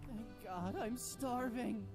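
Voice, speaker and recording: A woman voicing a lively, food-loving young female teammate in a visual novel game. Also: fairly high pitch, takes it slowly, loud music behind the voice.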